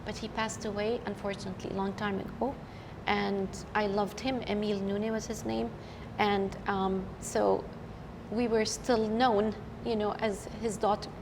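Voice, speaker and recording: Gravelly-voiced woman from Lebanon. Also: mid-range voice, flat delivery, long reverb tail, background noise. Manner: warm, unhurried storytelling with fillers. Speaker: guest, professional violinist. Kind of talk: casual interview chat.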